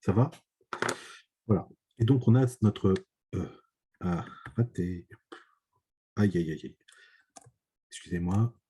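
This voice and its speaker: Low, husky French math lecturer. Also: male voice, slow pace, pauses often, dark tone, muffled recording. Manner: hesitant, many fillers and checks for understanding. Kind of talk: online lecture.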